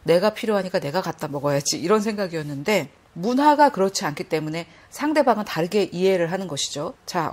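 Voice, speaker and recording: A woman gives earnest sermon-style teaching in a fairly low voice. She explains patiently and addresses her listeners directly. She also acts out the quoted dialogue as she goes. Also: darkish tone.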